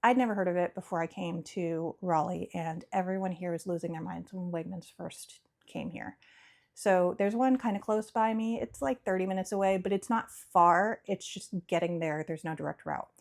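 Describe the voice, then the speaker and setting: A woman's voice: on the low side, moderate pace, creaky. A young woman chatting casually about her crochet projects, rambling and giggly, often correcting herself. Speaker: crochet vlogger and small business owner. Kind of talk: casual chat.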